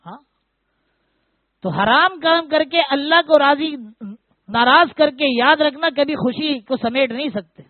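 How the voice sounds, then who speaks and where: A man's voice: very high voice, no echo. A man preaching a humorous sermon, telling stories and keeping up banter with his listeners. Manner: joking, storytelling, keeps addressing listeners as brother. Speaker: preacher who performs weddings. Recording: tinny phone-like, dry sound.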